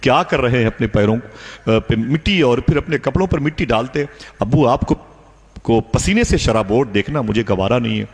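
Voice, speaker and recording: Guy voicing a small girl pleading with her dad, plain low-key delivery, echoey hall. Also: lively intonation, lightly acted. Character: pleading little girl, two and a half.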